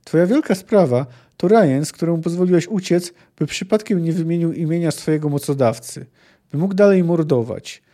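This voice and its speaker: A man's voice: fairly high pitch, moderate pace, dark tone, close to an everyday voice. A man reading as a wounded, bitter witcher. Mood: accusing. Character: wounded, bitter male witcher, cold and accusing.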